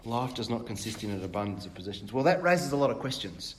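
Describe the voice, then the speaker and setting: A man preaching a sermon in a conversational way, asking rhetorical questions and pausing with fillers and restarts. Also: on the low side, slight background noise.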